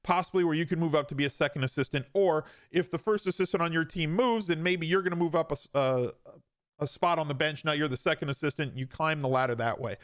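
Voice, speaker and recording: This man in his forties talks fast on his podcast, his voice on the high side. He tells his own story in a conversational way, repeating himself for emphasis and poking a bit of fun at himself. The clean studio recording is dry.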